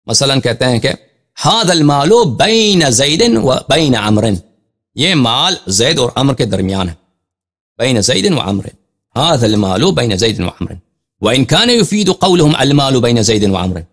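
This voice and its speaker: A male religious scholar lectures on Quran commentary, reading Arabic passages slowly and explaining them. His pitch swings widely when he stresses points, and his tone is fairly bright. He repeats phrases and poses questions to drive each point home.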